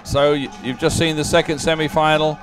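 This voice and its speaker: Faint music plays behind a fairly high-pitched man who speaks quickly in a level tone. He's hosting live sports commentary and keeps it jovial and chatty, as if trading remarks with a fellow co-host.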